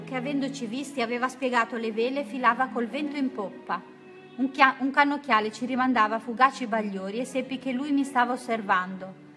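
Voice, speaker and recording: A woman narrating a first-person adventure story in a steady, measured reading voice. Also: on the high side. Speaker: audiobook narrator.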